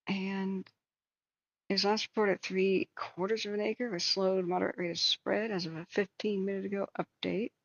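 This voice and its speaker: A woman's voice: medium pitch, creaky, no room sound, highs cut off. A woman hosting a livestream with casual wildfire-tracking commentary, thinking aloud in a conversational way. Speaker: livestream host.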